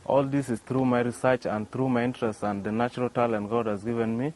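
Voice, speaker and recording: The guest is a young inventor from South Sudan, interviewed outdoors beside a workshop, where faint noise carries in. He talks fast in a steady, medium-pitched, darkish voice, yet sounds hesitant, restarting a lot and leaning on "yeah."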